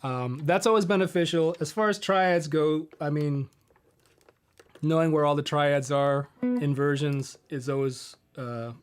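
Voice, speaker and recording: Casual middle-aged male streamer, somewhat higher voice, rambling and easygoing, close desk mic. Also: unhurried, clear, resonant tone, soft background music. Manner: relaxed, rambling, answers viewer questions with fillers. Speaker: host of a live guitar Q&A stream. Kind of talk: casual live-stream chat.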